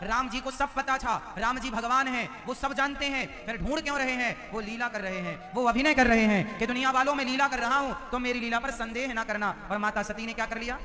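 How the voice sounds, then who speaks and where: A man's voice: very high-pitched, brisk, hardly any pauses, bright, forceful tone, long reverb tail. A man preaching a devotional sermon, teasing and questioning his audience and chanting verses.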